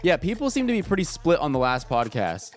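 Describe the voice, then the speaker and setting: With a voice on the high side and pitch that swoops wildly, a man talks a little fast during a casual livestream. He's somewhat stuffy and congested, joking around with lots of profanity, using a desk microphone as faint music plays.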